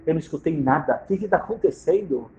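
A man's voice: on the high side, expressive, quick pace, darkish tone, dull audio, lightly acted. A man playing an anxious, tearful expectant father. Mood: panicked. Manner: anxious, rising to cries.

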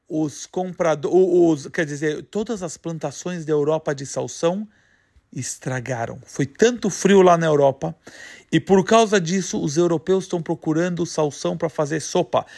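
A man's voice: on the high side, creaky, a little mellow, heavily acted. A man voicing a grown friend who explains urgent good news persuasively.

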